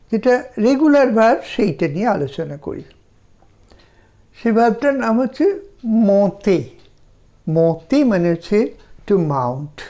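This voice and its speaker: A man with a Bengali accent teaching a language lesson, slowly drilling verb forms for listeners to repeat. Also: high voice, darkish tone. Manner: slow, deliberate drilling of verb forms for repetition. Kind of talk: slow spoken language lesson.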